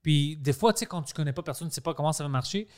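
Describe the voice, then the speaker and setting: A podcast host, a man who speaks French with an English accent, his first language being English. He talks in a relaxed, teasing way. His voice sits a bit higher than most men's. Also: very fast. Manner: easygoing, teasing. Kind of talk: casual podcast chat.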